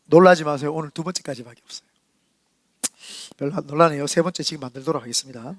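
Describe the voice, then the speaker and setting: Animated pastor. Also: male voice, on the high side, quick pace, dry recording. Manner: animated, acts out quoted voices. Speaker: senior pastor. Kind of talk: storytelling sermon. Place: church sanctuary.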